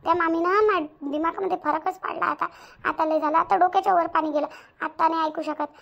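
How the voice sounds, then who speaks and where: A woman voicing a fed-up young daughter-in-law in a cartoon who threatens her aunt-in-law with a rolling pin, with a loud, fiery, defiant delivery. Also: very high-pitched, fairly even intonation, fairly quick, gravelly, lo-fi sound, heavily acted. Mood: furious. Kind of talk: cartoon voice acting.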